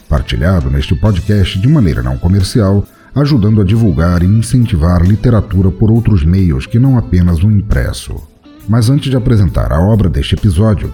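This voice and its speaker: In a low-pitched voice marked by a Brazilian Portuguese accent, the male host of an audio drama podcast reads notices and thanks. He sounds theatrical and playfully dark.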